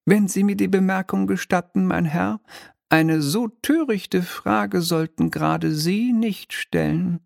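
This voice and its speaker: Guy doing a slimy high-voiced hell demon bailiff, fake-polite, gravelly edge, dry close audiobook. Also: slow, dry recording, heavily acted. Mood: oily polite. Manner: unctuous, mock-polite and formal. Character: oily, pompous male demon bailiff from hell. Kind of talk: audiobook reading.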